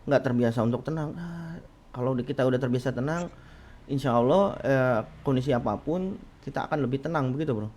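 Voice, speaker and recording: A man's voice: mid-range voice, fairly quick, darkish tone, slight background noise. A man hosting a casual chat, agreeing often and adding his own thoughts. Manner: agreeable, frequent murmured assents. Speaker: host.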